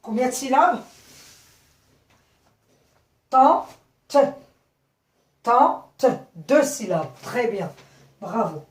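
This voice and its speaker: A woman teacher with a slightly high voice, leading a phonics lesson for small children. She speaks slowly and deliberately, spelling words letter by letter and repeating each one. The sound is roomy and echoey, picked up from a few steps away. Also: big pitch swings, a little hiss or hum. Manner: slow, clear, repeats and spells words out, checks with "d'accord?". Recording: echoey room, voice from a distance.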